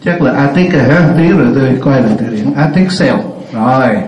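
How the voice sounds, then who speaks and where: A man's voice: mid-range voice, expressive, a little mellow. Older man teaching in an echoey room. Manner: chatty, joking, repeats words slowly. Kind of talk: classroom English lesson. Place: classroom. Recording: roomy, dull lo-fi classroom recording.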